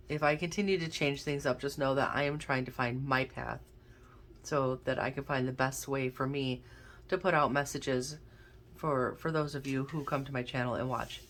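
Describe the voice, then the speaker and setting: A woman doing a casual pick-a-card reading, thinking aloud with many restarts and a gentle, encouraging manner. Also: a bass voice, slight background noise. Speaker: tarot card reader.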